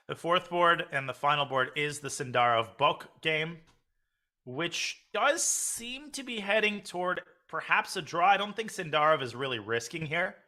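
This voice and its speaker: A man's voice: on the high side, animated, moderate pace, bright, forceful tone. A man hosting live chess tournament commentary in a conversational way, talking positions over with a co-commentator. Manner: conversational, poses questions to co-commentator.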